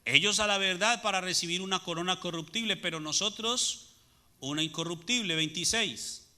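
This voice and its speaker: Preaching to his congregation, a pastor from Latin America asks rhetorical questions and then supplies the answers. He speaks at a moderate pace in a high-sitting voice that sounds pushed and bright.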